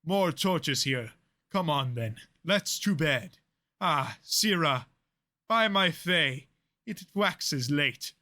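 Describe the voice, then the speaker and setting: An actor playing a commanding, quick-tempered older lord and uncle, declaiming Shakespearean verse in an audio play. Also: male voice, on the high side, expressive, sharp tone, exaggerated voice. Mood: genial, hospitable. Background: music.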